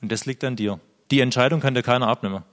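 A man's voice: medium pitch, fast, fairly bright tone, in a large hall. A man preaching a sermon, speaking earnestly and directly to the congregation.

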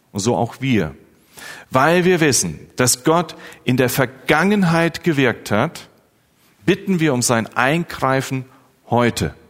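Slow, earnest preacher in a reverberant hall. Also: male voice, mid-range voice. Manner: slow, earnest, pastoral address with rising emphasis. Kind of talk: sermon. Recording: long church reverb.

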